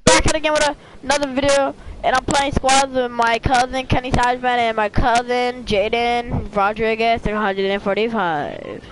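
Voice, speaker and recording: A man's voice: extremely high pitch, normal speed, few pauses. A man live-streaming a squad shooter game, joking and trash-talking with his cousins as he plays. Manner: excitable, joking trash talk, yells. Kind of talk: live gaming commentary with friends. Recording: game gunfire noise in the background.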